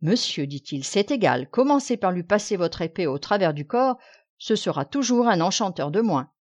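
A woman's voice: fairly low pitch, sing-song, normal speed, darkish tone. Blunt peasant squire, a woman reading. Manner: blunt, matter-of-fact.

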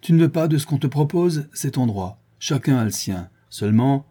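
A man voicing an angry, rabble-rousing village wheelwright in an audiobook, loud and goading. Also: mid-range voice, lively intonation, moderate pace, husky. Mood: stern. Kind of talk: audiobook character reading.

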